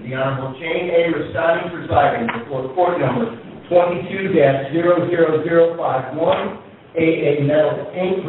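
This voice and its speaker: A man working as a court clerk, formally announcing a court session in a flat recital. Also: on the high side. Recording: distant, very echoey, noisy phone-like audio.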